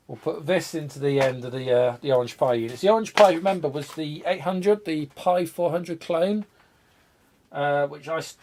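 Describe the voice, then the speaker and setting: A man who hosts a retro computer channel chats casually while tinkering with hardware on a live stream, congested from a cold and rambling as he thinks aloud. He pokes fun at his own disorganisation in a medium-pitched, slightly mellow voice.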